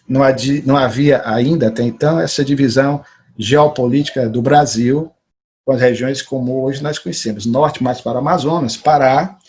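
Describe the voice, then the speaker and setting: A man's voice: medium pitch, a little mellow. A man with a Brazilian accent giving an online public lecture, telling a story dramatically and expressively. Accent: Brazilian Portuguese.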